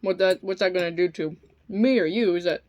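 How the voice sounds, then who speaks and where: A woman chatting casually and musing in a halting, informal way while eating, sometimes with her mouth full. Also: on the low side, a little mellow. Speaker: vlogger eating on camera. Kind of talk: casual rambling opinion talk while eating.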